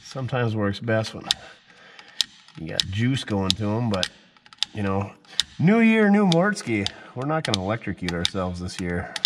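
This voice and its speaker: Male mechanic host, low voice, lively swings, self-mocking asides, head-cam in a garage. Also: a little slow, heavy background noise. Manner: joking, self-mocking, muttering to himself while working. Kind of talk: casual first-person workshop narration.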